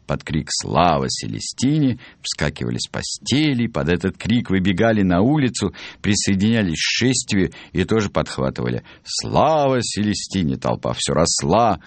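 A man reading a children's book aloud in an animated way, acting out the voices. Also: low voice, no echo. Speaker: storyteller.

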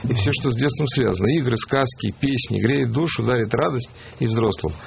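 A man's voice: medium pitch, a little fast, gravelly, husky, lo-fi sound. A man hosting a live radio show, chatty and loose, stumbling over words. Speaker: radio host. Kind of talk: casual live radio chat. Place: radio studio.

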